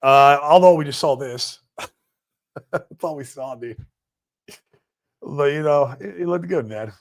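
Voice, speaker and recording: A man in his forties runs a relaxed livestream from his home in Puerto Rico, answering viewer comments in a fairly high, slow voice. He keeps it slangy and casual, dropping "man" and "dude" throughout.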